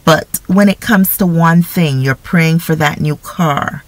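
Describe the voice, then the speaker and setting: Woman, devotional speaker, unhurried delivery, dry close sound, chatty and asks "right?" a lot. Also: deep voice, no echo, low-quality recording. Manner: conversational, often asks listeners "right?". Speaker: faith speaker. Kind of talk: informal devotional teaching.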